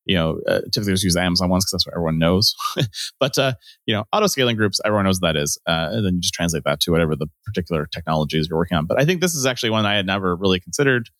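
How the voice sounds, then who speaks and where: A man hosting a casual tech podcast, chatty and quick, often laughing lightly between points. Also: low voice, animated, fairly bright tone, no room sound, clean studio sound. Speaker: podcast host.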